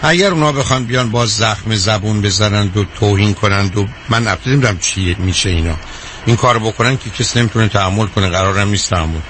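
Male call-in advice host, lowish voice, frank and direct, faint hiss behind.

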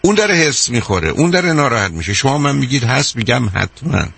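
A man's voice: mid-range voice, big pitch swings, creaky, a bit bright, husky. An older man hosting a radio call-in advice show, talking emphatically and repeating his points, calling the caller dear.

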